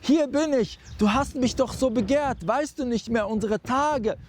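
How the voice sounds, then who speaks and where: A man putting on a shrill, clingy old hag. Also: unhurried, slight background noise. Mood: pleading. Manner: shrill, pleading, insistent. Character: ugly old woman stalker, clingy, shrieking.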